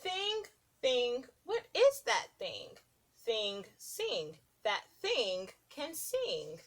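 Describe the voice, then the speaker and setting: With a voice on the high side, a preschool teacher reads to young children from a rhyming picture book. She keeps it expressive and deliberate, with a sing-song lilt.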